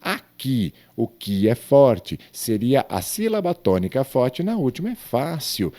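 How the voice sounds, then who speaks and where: A man's voice: medium pitch, very animated, a little slow, dark tone. A man teaching grammar in an online lesson, stretching words out emphatically and asking the viewer questions.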